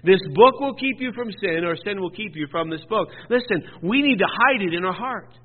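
A man's voice: high-pitched, animated, normal speed. A man preaching a sermon as pastor, urging his congregation with earnest, repeated exhortations that swell to emphatic peaks. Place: church sanctuary. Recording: phone-like sound in a reverberant church hall.

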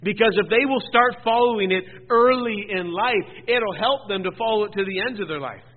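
A man with a high voice preaching in a church, pressing his points with earnest repetition and rising emphasis. The sound is thin and phone-like. A long reverb trails behind every word. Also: moderate pace. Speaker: pastor. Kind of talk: sermon. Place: church sanctuary.

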